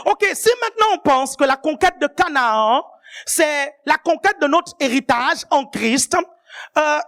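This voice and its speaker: A woman delivering a sermon in a high, bright voice. She speaks with force and keeps checking that the congregation is still following. At key points she rises to shouted emphasis. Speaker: preacher.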